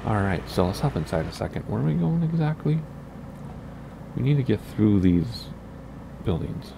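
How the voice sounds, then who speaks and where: A man with a low, gravelly, raspy voice gives casual gameplay commentary on a flight sim run at a moderate pace. He's chatty and thinks aloud as he goes. A steady hiss of noise sits under the recording.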